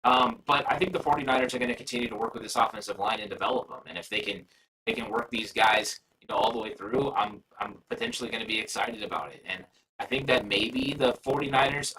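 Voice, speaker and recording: A man's voice: medium pitch, pushed and bright, slightly rough, distant mic, poor audio. A man hosting a casual sports livestream, his voice coming through garbled and robotic from a bad connection, rambling with many restarts. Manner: rambling, frequent restarts and fillers. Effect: garbled robotic-sounding audio from a bad connection. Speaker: sports podcast host.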